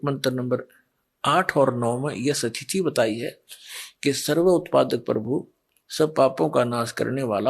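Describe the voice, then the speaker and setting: A man's voice: fairly high pitch, slightly rough. An older man preaching a Hindi religious sermon, posing rhetorical questions and answering them himself.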